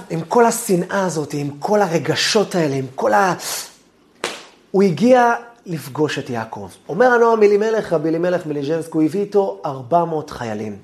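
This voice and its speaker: Animated rabbi with lively swinging pitch. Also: male voice. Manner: animated, acts out angry inner voices; drops low and soft at phrase ends. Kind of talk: Torah lesson on the weekly portion.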